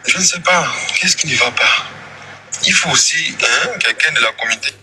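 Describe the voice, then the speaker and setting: A man's voice: fairly high pitch, lively intonation, normal speed. Man from Gabon, in a noisy replayed clip. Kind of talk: video statement.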